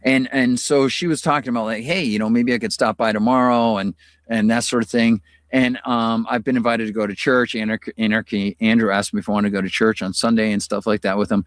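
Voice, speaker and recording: A middle-aged American man hosts a live stream, chatting casually and ramblingly with many fillers, and he sounds tired from illness. His voice is fairly low with fairly even intonation and a brisk pace, recorded at studio quality with no echo.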